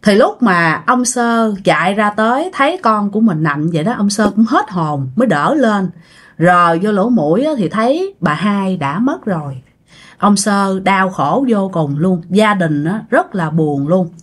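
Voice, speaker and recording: A woman's voice: mid-range voice, lively intonation, unhurried. A woman with a Southern Vietnamese accent narrating a ghost story in a chatty way, speaking straight to her listeners. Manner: chatty, addresses listeners directly.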